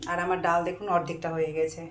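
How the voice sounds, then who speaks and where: Talking fast with a low, flat voice, a middle-aged woman gives a chatty running commentary to her phone while cooking for her home vlog. The kitchen sounds echoey, with frying faintly audible.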